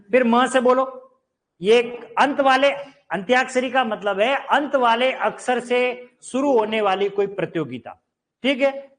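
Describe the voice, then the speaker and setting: Male teacher, high voice, unhurried delivery, repeats key words and checks in with students. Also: fairly bright tone. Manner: explains slowly, repeats words, checks with 'clear?'. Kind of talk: classroom lesson on correct spelling.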